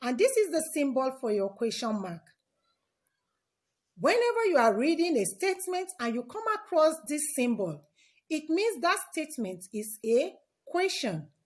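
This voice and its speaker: Woman teacher doing an online class for kids, slow and careful, voice bounces up and down a lot, keeps asking the kids questions. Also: sits high, very animated, darkish tone. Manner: repeats key words and asks the class questions. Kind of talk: online lesson for children.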